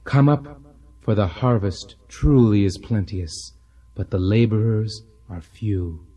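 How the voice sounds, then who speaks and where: A fervent older preacher, played by a man, slow and earnest, calling out to a crowd. His voice is low, dark and husky.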